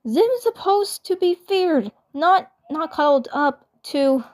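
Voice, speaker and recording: A woman's voice: high-pitched, animated, takes it slowly, darkish tone, pitched above the performer's own voice. A woman voicing an arrogant male cartoon alien invader who is flustered, grudging and stammering. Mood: flustered, incredulous.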